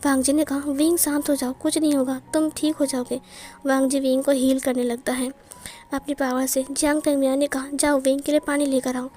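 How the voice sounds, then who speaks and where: A woman narrating a romance fan story and reading every character's lines herself in a plain, even way. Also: high voice, brisk. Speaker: fanfiction narrator. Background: soft background music.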